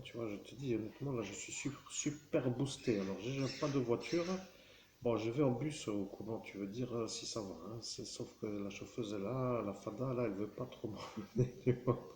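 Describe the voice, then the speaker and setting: A man's voice: medium pitch, darkish tone. A man giving a rambling monologue straight to the viewer, constantly checking in with the listener and wandering off track with fillers and self-corrections. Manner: rambling, keeps addressing the listener with "tu vois". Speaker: vlogger. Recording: roomy echo with faint background noise.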